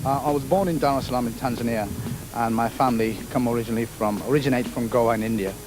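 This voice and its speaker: A middle-aged man from Kenya, a navy petty officer answering interview questions in an unhurried, hesitant way with many fillers. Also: medium pitch, music in the background, poor audio.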